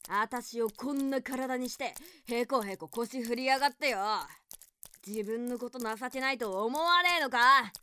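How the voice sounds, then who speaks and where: A woman voicing a defiant, foul-mouthed captive young woman in an adult audio drama, talking rough and coarse, with stammers and panting between words. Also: on the high side, measured pace, pushed and bright. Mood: snarling, defiant. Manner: rough, coarse street talk, snarling threats.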